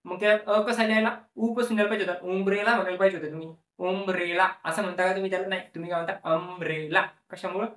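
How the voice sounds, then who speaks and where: A man's voice: high-pitched, steady tone, racing, hardly any pauses, fairly bright tone. A male teacher explaining a lesson, repeating each word several times and asking the class questions that he then answers himself. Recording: echoey room, voice from a distance.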